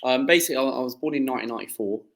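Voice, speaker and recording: A man's voice: medium pitch, rapid-fire, a bit bright, low-quality recording. Rambling twenty-something man, casual chat. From southeast England. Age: 20s. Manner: rambling, many fillers and restarts. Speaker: guest football fan.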